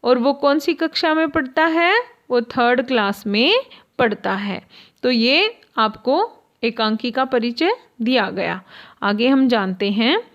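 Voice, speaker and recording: A woman teacher goes through a school lesson patiently and slowly, with a high voice. She asks her students rhetorical questions. The recording is dull and lo-fi. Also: lively intonation, fairly bright tone. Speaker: Hindi teacher.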